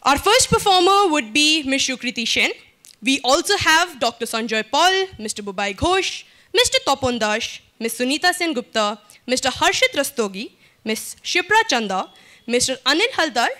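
A woman's voice: high voice, bright, forceful tone. A young woman with an Indian accent, hosting with an effusive, projected emcee delivery into a handheld microphone. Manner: effusive, florid wording, projected. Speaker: event host. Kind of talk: theatrical emcee welcome speech. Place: indoor room with small home stage.

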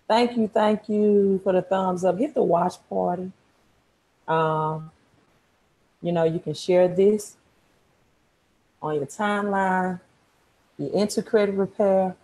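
A woman in her thirties speaks with a Mississippi accent in a slightly low register. She teaches informally on a live stream as a coach, repeating key words and tagging her points with "right?". She is recorded at home on an earphone mic during a video call. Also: dark tone, rough recording. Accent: Mississippi, Southern US. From Mississippi, United States. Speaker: credit repair coach. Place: small room at home, indoors.

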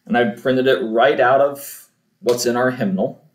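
A man's voice: medium pitch, measured pace, a little hiss or hum. A man serving as church cantor, patiently explaining things step by step to a congregation. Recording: roomy echo.

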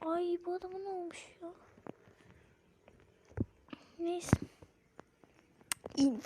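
A fed-up, scolding mother, played by a woman in a game role-play, her voice very high and sharp-edged. She huffs and sighs, and her talk is full of complaints and pleas to God. A faint hiss sits underneath. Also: measured pace. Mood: exasperated. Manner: scolding, sighing, exclaiming to God. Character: scolding exasperated mother of a troublesome daughter.

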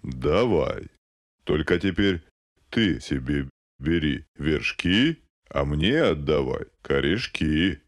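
A man voicing a big, cheated, grumbling bear in a slow, threatening, folksy way for a fairy-tale cartoon. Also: rumbling low, expressive, heavily acted. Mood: wary, demanding.

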